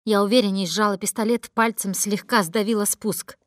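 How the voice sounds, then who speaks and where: A woman's voice: mid-range voice, fairly even intonation, moderate pace, dry recording, clean studio sound. A woman narrating a first-person audiobook in a tense, dramatic storytelling manner.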